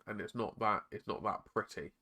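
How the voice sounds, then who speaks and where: Hoarse, raspy man streaming. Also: on the low side, moderate pace, pushed and bright. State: hoarse, struggling to talk. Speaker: streamer painting miniatures. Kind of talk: casual live-stream chat.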